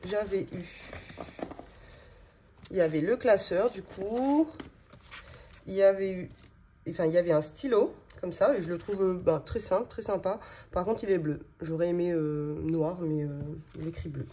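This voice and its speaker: A woman's voice: fairly low pitch, fairly even intonation, normal speed, dark tone. A woman in her thirties, chatting casually at her desk as she unboxes and shows her budgeting binders, with many fillers and small laughs. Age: 30s. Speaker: budgeting vlogger. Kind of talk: casual show-and-tell vlog. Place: home office desk, indoors.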